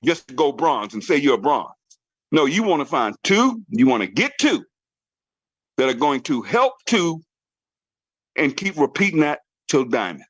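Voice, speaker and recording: Animated man giving an emphatic pep talk. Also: a little high, a little slow, pauses often, husky, no room sound, highs cut off. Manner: emphatic, repetitive, preacher-like urging. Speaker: network marketing team trainer. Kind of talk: motivational training call. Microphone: conference call line.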